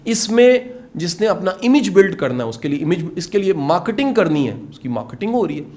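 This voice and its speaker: A man's voice: high voice, sing-song, a little mellow. A middle-aged man with a Punjabi accent, talking informally and earnestly to course participants, urging them and dropping in English phrases. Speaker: motivational speaker teaching a course. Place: indoor classroom with participants.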